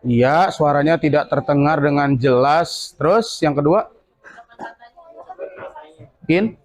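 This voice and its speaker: A male school teacher in a classroom, quizzing his students with quick questions and then explaining the answers. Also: a little high.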